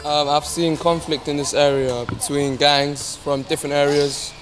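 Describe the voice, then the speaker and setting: A man's voice: on the high side, little pitch movement, normal speed. Casual teen boy outdoors, music behind. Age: teens. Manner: casual, chatty with fillers. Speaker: interviewee. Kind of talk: casual interview answers. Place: outdoors on a housing estate. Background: background music.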